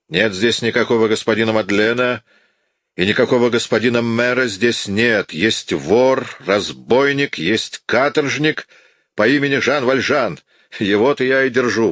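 A man's voice: lowish voice, animated, moderate pace, husky, no room sound, studio quality, pitched above the performer's own voice. A man doing Javert, a harsh barking police inspector. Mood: mocking contempt. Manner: shouting, contemptuous, barking orders. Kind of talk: audiobook reading.

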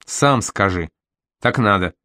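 Picture a man putting on a soft-spoken woman therapist in an audiobook, asking patient yet insistent questions in a raised, lighter tone. The voice sits close and dry, with no room sound around it. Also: fairly low pitch, lively intonation, slow, no room sound, full character voice. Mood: gently probing. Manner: gentle but insistent questioning. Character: calm, probing female therapist, middle-aged. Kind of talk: audiobook reading.

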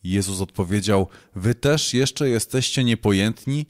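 A man reading scripture aloud in a measured, solemn way. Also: lowish voice. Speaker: scripture reader.

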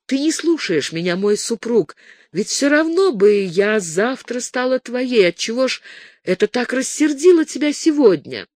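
A man voicing a tearful young noblewoman who pleads softly in an audiobook. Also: very high-pitched, big pitch swings, unhurried, dry recording, voice pushed up, full character voice. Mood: pleading. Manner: soft, pleading, raised voice. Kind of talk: audiobook character voice.

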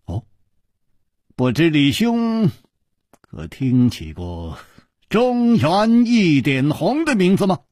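A man's voice: a little high, sing-song, slow pace, long pauses, a little mellow, no echo, clean studio sound, full character voice. A man voicing an easygoing, gracious wandering hero who talks modestly and chuckles. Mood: musing.

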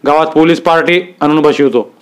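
A man's voice: fairly high pitch, normal speed, natural voice. A man voicing a stern village headman giving orders. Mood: commanding. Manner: authoritative, issues curt orders.

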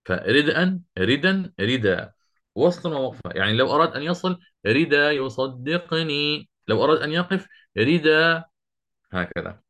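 A middle-aged man teaching Quranic recitation rules, explaining step by step, asking his students questions and reciting verses slowly. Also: a little high, sing-song, a bit bright. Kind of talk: interactive lesson on Quranic readings.

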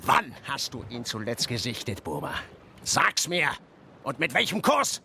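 An actor playing an obsessed one-legged whaling captain in a radio drama, brooding and commanding. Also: male voice, medium pitch, lively intonation, a little slow, fairly bright tone, slight background noise. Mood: obsessive. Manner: brooding, then bellowing orders.

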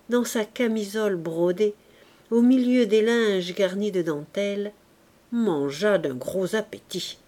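A woman reading a classic novel aloud as an audiobook, in a calm, even way. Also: medium pitch. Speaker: audiobook reader. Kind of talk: literary audiobook narration.

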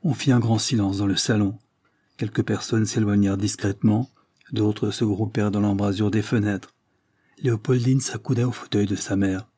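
A man narrating a classic novel in a measured, even storytelling manner. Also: on the low side, breathy edge. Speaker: audiobook narrator.

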